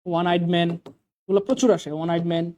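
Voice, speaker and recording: A man's voice: on the high side, rapid-fire, darkish tone. A man with a Bangladeshi Bengali accent teaching an English grammar lesson, quizzing his class with questions and drilling examples by repetition. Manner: quizzing students with rising questions.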